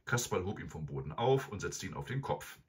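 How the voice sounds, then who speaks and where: A man reading a children's storybook aloud in an expressive, animated way. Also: low-pitched, fairly quick. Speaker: narrator.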